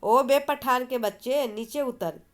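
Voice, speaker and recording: A woman reading aloud the shouted lines of a thin, excitable clerk on a train. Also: on the high side, a little slow, pitched above the performer's own voice. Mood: agitated. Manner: shouting, agitated.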